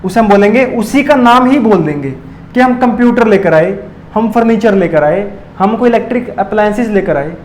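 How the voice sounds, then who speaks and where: ऊँची आवाज़ वाला पुरुष शिक्षक, सवाल पूछकर खुद जवाब देता. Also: male voice, high-pitched, poor audio. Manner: asks questions and answers them himself. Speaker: commerce teacher. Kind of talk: classroom lecture.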